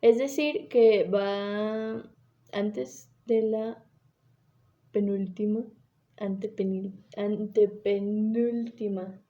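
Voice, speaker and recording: A woman's voice: on the high side, fairly even intonation, drawn-out words, pauses often, dull audio. A woman giving a class presentation, reading with hesitations, fillers and frequent self-corrections.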